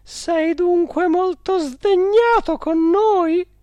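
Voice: very high-pitched, very slow, darkish tone, dry recording, muffled recording, voice pushed up, full character voice. A reader voicing a pleading, gushing middle-aged lady calling out to a dead uncle at a séance.

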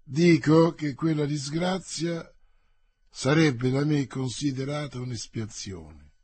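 A melancholy nobleman, voiced by a male narrator in an audiobook, measured and solemn. He speaks slowly, and the husky voice is recorded dry. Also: a little high, darkish tone, no echo. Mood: grave. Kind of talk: audiobook reading.

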